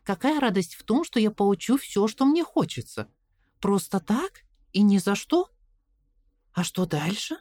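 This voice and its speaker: A woman's voice: mid-range voice, very animated, unhurried, darkish tone, no room sound, pitched above the performer's own voice. A woman narrator voicing Coraline, a clever, stubborn young girl, defiant and questioning.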